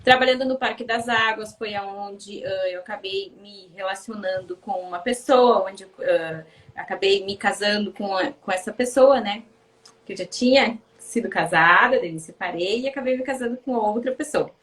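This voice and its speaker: Woman, thirties, soft-spoken, casual interview chat, set back from the microphone. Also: mid-range voice, normal speed, distant mic, rough recording. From Paraná, Brazil. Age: 30s. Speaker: guest.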